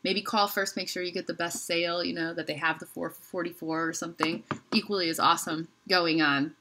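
Bright-voiced chatty woman reviewing candles. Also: fairly low pitch, steady tone, fairly quick, slight background noise. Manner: chatty, rambling, lots of "like" and trailing off. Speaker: candle haul vlogger. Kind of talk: casual haul review to camera. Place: indoors, home room.

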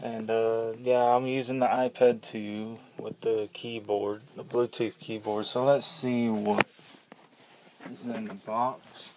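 A young man giving a casual, unscripted product demo in a plain-spoken, halting, informal way, recorded at uneven volume on a tablet. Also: on the low side, level tone, a little mellow. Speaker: amateur YouTube product reviewer. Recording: noisy homemade tablet recording, uneven level.

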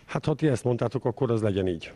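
A man's voice: medium pitch, animated, dark tone. A man, a coach answering in a restrained, guarded way in a post-match interview. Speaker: football coach being interviewed. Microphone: handheld interview microphone held close.

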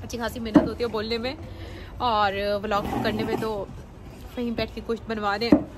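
A woman's voice: on the high side, flat delivery, normal speed. A young woman from Pakistan, chatty and upbeat, narrating a casual vlog to a phone held at arm's length on a city street at night. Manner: chatty, upbeat, talks straight to camera. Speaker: vlogger. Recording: loud street noise.

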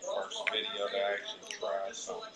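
A young man hosts a casual food review vlog in a small restaurant dining room, firing off hyped, slang-heavy banter into a phone camera. His voice is lowish and moderately paced. The audio is very noisy.

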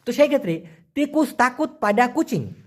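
A man from Bangladesh gives a casual video lesson. His pitch swings a lot as he stresses each word. He repeats new words slowly and speaks straight to his viewers. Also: sing-song, a little mellow. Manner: explains slowly, repeats words and drills phrases; colloquial, addresses viewers directly. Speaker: language teacher.

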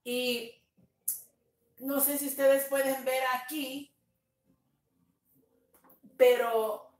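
Slow-talking woman pastor, echoey room. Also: high-pitched, recorded from a distance. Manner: slow, tender, mixes in English words. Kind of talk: livestream testimony and greetings. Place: home room, dim. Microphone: phone on a live stream.

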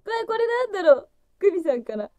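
A woman's voice: very animated, fast, dark tone, no echo. A woman in her thirties hosting a casual solo livestream, chatting freely and breaking into laughter often. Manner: chatty and giggly, breaks into frequent laughter, voice jumping high. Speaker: livestream host opening fan gifts.

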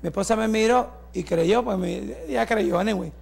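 A man in his forties, a pastor giving a fervent testimony sermon that rises to shouts, with joking asides. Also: high-pitched, normal speed, vocal fry, slightly rough. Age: 40s.

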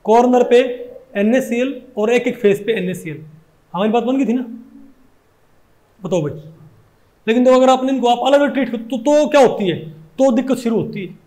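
A man with a Hindi accent and a strikingly high voice lectures on chemistry. He keeps asking his class rhetorical questions and goes over each point again and again. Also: moderate pace, pauses often, dark tone. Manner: asks constant rhetorical questions, repeats points. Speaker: chemistry teacher.

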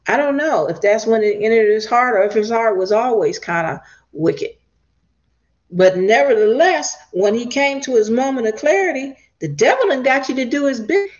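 A woman teaching from the Bible in a sermon, reading scripture and breaking in with expressive asides and praise. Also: medium pitch. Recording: dull lo-fi recording.

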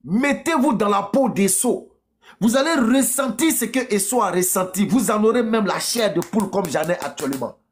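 A man's voice: high voice, lively intonation, moderate pace. Emphatic man preaching with rhetorical questions. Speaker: religious debater. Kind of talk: preaching on a live stream. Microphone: phone or streaming mic.

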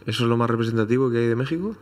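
A man's voice: mid-range voice, rapid-fire. A man from Spain co-hosting a comedy chat, needling his partner with dry sarcasm. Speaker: comedy podcast co-host.

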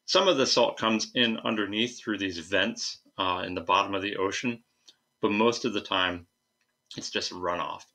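A man's voice: lowish voice, moderate pace, bright, forceful tone. A young man teaching an informal slide lecture, explaining things with hesitant phrasing and asides at a computer. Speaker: science teacher. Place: indoors, recorded at a computer.

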